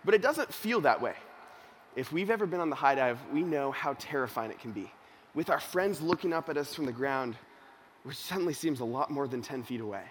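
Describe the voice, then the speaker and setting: A young man gives a motivational speech built around a personal story, swinging from loud excitement to hushed seriousness. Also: mid-range voice, fairly quick, a little hiss or hum. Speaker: youth organization speaker.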